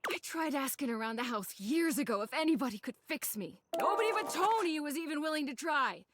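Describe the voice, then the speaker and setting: A woman's voice: high voice, animated, fairly quick, very noisy. An actress playing a dejected, anxious woman in a video game, wounded and self-deprecating as she forces positivity. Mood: hurt, dejected. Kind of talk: video game character voice acting.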